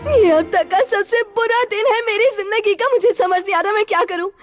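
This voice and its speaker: A woman plays a clever, earnest young boy in a cartoon. The voice is very high and boyish, and he rattles on eagerly as he reasons things out. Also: normal speed, soft background music. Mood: worried. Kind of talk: animated cartoon dubbing.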